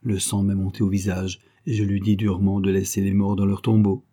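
A man narrating a literary diary as an audiobook reader, in a measured, expressive reading. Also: deep voice.

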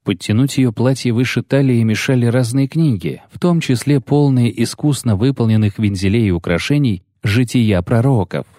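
A man with a mid-range voice narrates a scripted audiobook in a measured, even storytelling style. The recording is studio quality, with no room sound.

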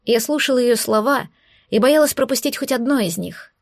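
This is a woman reading a fantasy audiobook in the first person. Her voice sits a little high, and she tells the story expressively at a measured pace. The recording is dry and close, with no room sound. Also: expressive, creaky, no echo. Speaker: audiobook narrator.

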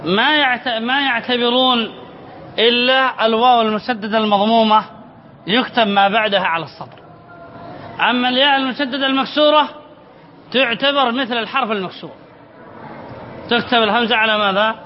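A man, a sheikh, teaching Arabic spelling in a classroom lesson. He asks questions and answers them himself, repeating phrases slowly. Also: very high voice. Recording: slightly dull recording with faint background noise.

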